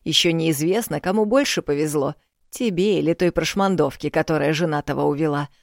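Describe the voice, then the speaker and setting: Woman doing blunt elderly country landlady, higher and louder, folksy scolding. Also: a little fast, vocal fry, no room sound, studio quality. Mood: indignant. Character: elderly village landlady, blunt, earthy, fussing.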